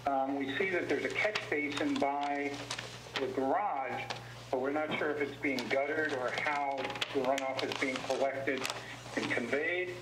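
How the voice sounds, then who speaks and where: A man calling in to a town board meeting to give a formal public comment, heard over a speakerphone in the meeting room, measured and polite as he lays out his requests point by point. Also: mid-range voice. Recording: echoey speakerphone with background noise.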